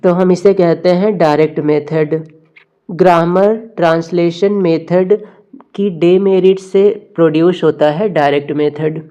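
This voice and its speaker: A woman teacher, going through exam questions, reading the slowly and explaining in Hindi. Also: on the low side, fairly even intonation, warm tone, dull audio. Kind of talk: exam MCQ lesson.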